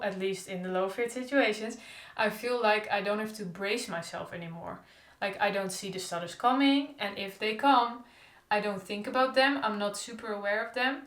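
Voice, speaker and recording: A young woman records a casual, diary-style vlog, stuttering openly with repeated sounds. Her voice is medium in pitch and a bit bright, and the room she's in is echoey.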